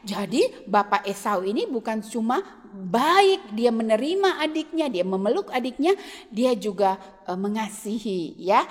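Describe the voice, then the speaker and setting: A woman teaching children in a church service, telling a Bible story with lively voices for the characters. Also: long reverb tail. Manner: animated, acts out characters with big pitch jumps.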